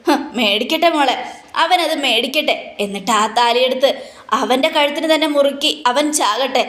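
A woman's voice: sits high, moderate pace, fairly bright tone. Woman doing a vengeful scheming mother. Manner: grim, spiteful talk of revenge. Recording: echoey room.

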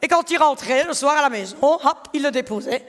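On a theatre stage in front of a live crowd, a stand-up comedian in her thirties, with a Liège-area Belgian French accent, delivers a lively storytelling monologue full of acted-out voices. Her voice sits high and moves fairly quickly.

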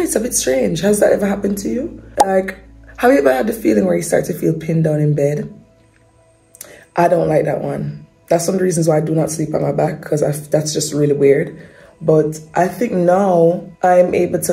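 Young woman, vlogger, low gravelly voice, rambling chat, faint music behind. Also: warm tone. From Jamaica. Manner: rambling, trails off with repeated hedges and fillers. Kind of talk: casual confessional chat to camera.

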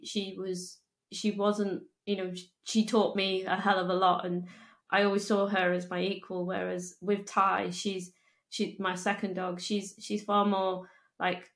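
A woman in her 30s from Liverpool, England, is an interview guest telling stories casually over a video call through an earphone mic. Her mid-range voice is level and a bit bright, her delivery halting with frequent restarts and ums, and the room sounds echoey.

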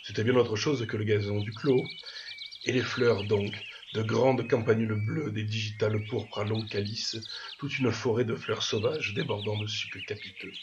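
A man reading a classic tale aloud with lively expression, often speaking to the listener directly. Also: fairly low pitch, moderate pace, background noise. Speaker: storyteller. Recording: dull lo-fi with birds chirping.

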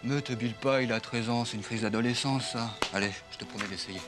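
A man's voice: mid-range voice, quick pace, loud music behind the voice, natural voice. An actor playing a loyal, blunt policeman in a TV drama, talking in a plain colloquial way. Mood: casual, dry. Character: loyal blunt police officer, godfather to a boy. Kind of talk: French TV film drama acting.

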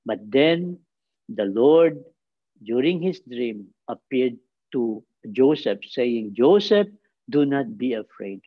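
A middle-aged priest giving a homily into a close webcam in a small chapel, talking slowly and haltingly with many fillers and restarts. His delivery rises to emphatic, stressed peaks. The sound is dull and dry. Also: mid-range voice, animated, no room sound.

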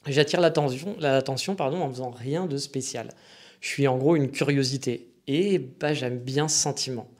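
A man's voice: mid-range voice, moderate pace, darkish tone. Man, French accent, young adult, podcast host, casual chatty monologue, joking tone. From France. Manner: joking, chatty, many fillers and restarts.

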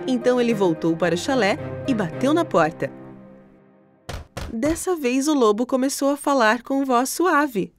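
A woman narrating a cartoon story for children in an expressive, animated storytelling manner. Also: high voice, moderate pace. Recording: narration with music underneath.

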